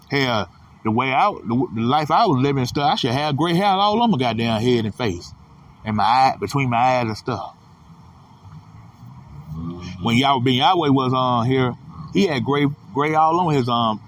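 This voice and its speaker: A man in his thirties giving a rambling, repetitive, profane motivational monologue as a podcast host. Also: medium pitch. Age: 30s. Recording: distant mic with loud vehicle noise.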